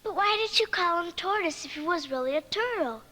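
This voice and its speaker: A woman's voice: very high-pitched, animated, fairly quick, bright, forceful tone, full character voice. A woman playing an earnest, plucky young girl in a storybook drama. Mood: curious. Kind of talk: dramatized children's story album.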